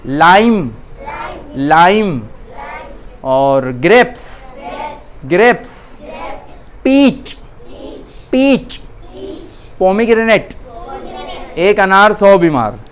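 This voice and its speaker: A woman's voice: mid-range voice, slight background noise. A woman teaching a class, naming words and coaxing students to answer her questions. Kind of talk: classroom lesson.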